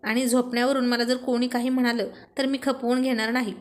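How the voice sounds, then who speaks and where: A woman's voice: fairly high pitch, little pitch movement, fairly quick, lightly acted. A woman voicing a touchy young man who argues back sharply in a spoken story. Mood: sulky.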